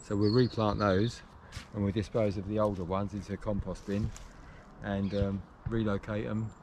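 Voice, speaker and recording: A man's voice: on the low side, moderate pace, slight background noise. A man in his fifties, chatting casually with fillers as he works his allotment plot and explains each job. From England. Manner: relaxed, chatty, thinking aloud with fillers. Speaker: allotment gardener and channel host. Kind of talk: casual gardening vlog. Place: outdoor allotment and polytunnel.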